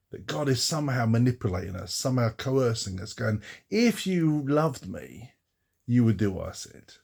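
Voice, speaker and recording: Low husky-voiced man giving a devotional. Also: darkish tone. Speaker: pastor. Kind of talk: devotional Bible reflection.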